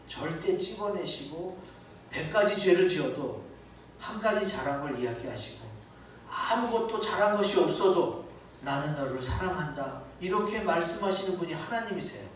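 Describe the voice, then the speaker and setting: A pastor preaches a sermon in a church sanctuary, his high voice animated and moderately paced. He talks conversationally and puts rhetorical questions to his listeners. The recording picks him up from far off in an echoey hall, with faint noise.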